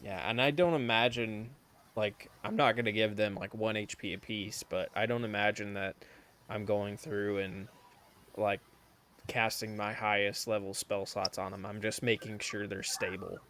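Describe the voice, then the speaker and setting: A man's voice: on the low side, fairly even intonation, normal speed, fairly bright tone, a little hiss or hum. A man playing a tabletop game, chatting casually and rambling with fillers. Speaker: player.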